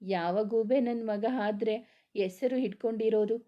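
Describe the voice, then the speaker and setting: A woman's voice: mid-range voice, fairly even intonation, measured pace, highs cut off, lightly acted. A woman voicing a blunt, outspoken young female office worker in a storybook reading.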